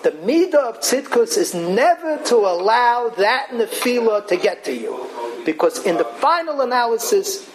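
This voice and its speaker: Man, high-pitched voice, rabbinic lecture, storytelling delivery, rhetorical questions, Hebrew and terms mixed in. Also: very animated, normal speed, a crowd in the background, low-quality recording. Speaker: rabbi, religious teacher. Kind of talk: religious lecture with parables and scripture.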